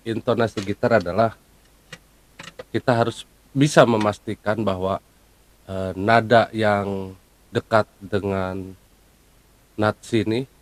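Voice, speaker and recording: A man's voice: fairly low pitch, no echo. A man casually explaining a guitar topic to viewers, with frequent fillers and a conversational, hands-on manner. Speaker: guitar tutor.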